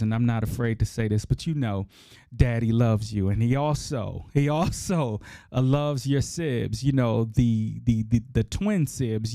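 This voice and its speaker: A man's voice: mid-range voice, vocal fry, warm tone, no room sound, clean studio sound. A middle-aged man hosting a podcast, talking casually and emphatically to listeners, repeating key points for effect. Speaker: podcast host.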